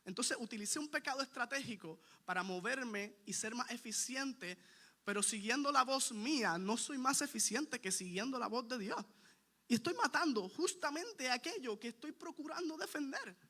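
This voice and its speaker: Bright, high-voiced man preaching a sermon. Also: expressive, normal speed. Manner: questions the congregation directly; earnest, emphatic preaching with repeated points.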